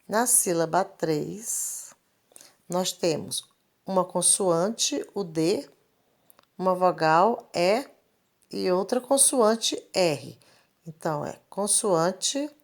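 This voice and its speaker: A woman, teaching a recorded literacy lesson and patiently repeating each point. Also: on the low side. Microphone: screen recording, device mic.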